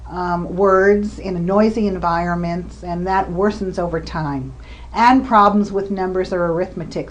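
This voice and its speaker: Woman giving a clear explanatory lecture. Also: medium pitch. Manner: explanatory, gives examples with occasional fillers. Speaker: researcher lecturing on communication disorders. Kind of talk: recorded lecture presentation.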